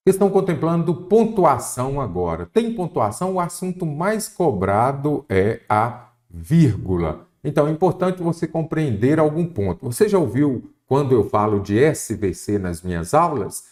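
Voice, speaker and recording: A man's voice: mid-range voice, sing-song, moderate pace, hardly any pauses, a little mellow. A Brazilian man teaching a Portuguese exam-prep lesson, explaining step by step and asking the viewer questions. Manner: didactic, asks the viewer questions.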